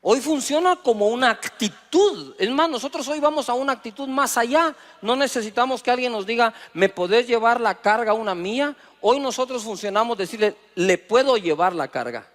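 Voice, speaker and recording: High-voiced Guatemalan pastor preaching. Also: male voice, fairly quick, few pauses. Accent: Guatemalan Spanish. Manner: lively preaching with acted dialogue and audience prompts. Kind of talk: sermon.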